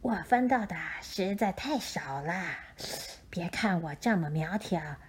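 A woman voicing a boastful snake who speaks in a hushed half-whisper. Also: fairly low pitch, expressive, unhurried, breathy edge, pitched below the performer's own voice, heavily acted.

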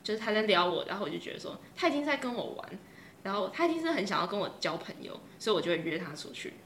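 A woman co-hosting a casual chat podcast, telling stories in a lively, animated way. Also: medium pitch, rapid-fire, slight background noise. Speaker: podcast co-host. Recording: echoey room.

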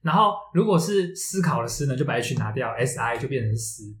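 A man's voice: medium pitch, big pitch swings, a little fast, a bit bright. A man with a Taiwanese accent explaining things in a casual discussion, readily arguing his point. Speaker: podcast co-host. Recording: roomy echo, faint background noise.

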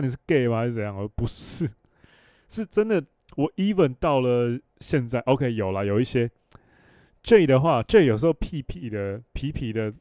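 A man's voice: mid-range voice, mellow, dry recording, clean studio sound. A man in his thirties with a Taiwanese Mandarin accent, hosting a solo podcast and telling rambling stories in a blunt, cursing way. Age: 30s. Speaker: podcast host. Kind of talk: casual solo podcast storytelling.

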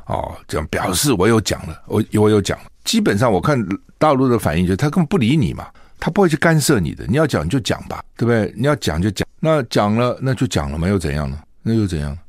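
A man's voice: lowish voice, sing-song, quick pace, hardly any pauses, dry recording, clean studio sound. A man hosting a radio show, giving opinionated solo news commentary full of rhetorical questions.

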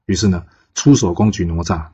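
Husky man telling a folk tale. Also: deep voice. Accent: Taiwanese Mandarin. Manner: relaxed, frequent drawn-out pause particles. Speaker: storyteller. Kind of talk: casual storytelling narration. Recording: dull lo-fi podcast recording.

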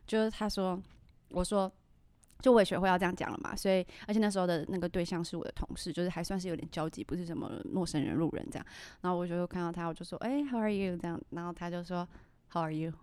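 A woman's voice: lowish voice, little pitch movement, fast, darkish tone, smooth, no echo. A woman hosting a podcast in casual chat, laughing often and acting out the reactions she quotes. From Taiwan. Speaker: podcast host.

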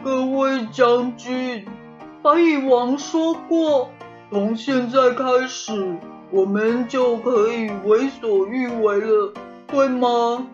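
A woman voicing a scheming, resentful termite general in a hushed, conspiratorial storybook manner. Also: fairly high pitch, slow, lo-fi sound, soft background music. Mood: sly. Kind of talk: children's storybook acting.

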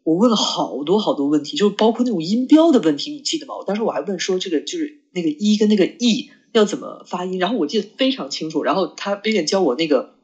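A woman's voice: on the low side, animated, fast, few pauses, a little mellow, husky, highs cut off. A woman co-hosting a podcast, chatting casually with a friend, rambling with many fillers and restarts. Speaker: podcast co-host. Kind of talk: casual chat between friends.

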